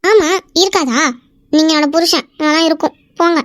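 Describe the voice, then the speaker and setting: A jealous young wife in a cartoon, voiced by a woman, with a very high, childlike voice and fast talk. She pleads through tears and snaps back possessively. The recording is close and dry. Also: steady tone, no echo. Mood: sulky, teasing. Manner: tearful and pleading, then sharp and possessive. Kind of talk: amateur cartoon voice acting.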